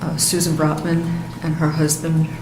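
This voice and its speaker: An echoey courtroom microphone picks up an older woman with a flat, lowish voice. She answers as a witness, plainly and hesitantly. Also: moderate pace, over music. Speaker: witness testifying. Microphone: witness-stand microphone. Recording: echoey courtroom with clear background noise.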